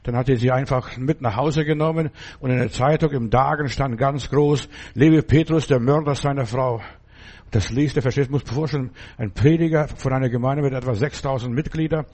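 A man's voice: medium pitch, fairly even intonation, a little fast, a little mellow. An older man, a pastor, preaching a sermon emphatically and addressing his congregation directly.

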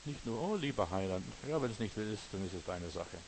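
A man's voice: fairly low pitch, expressive, fast, a little mellow, slight background noise, low-quality recording. A man preaching a sermon with passion, quoting scripture by book and verse and speaking straight to his listeners. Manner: impassioned, quotes scripture with book and verse, addresses listeners directly.

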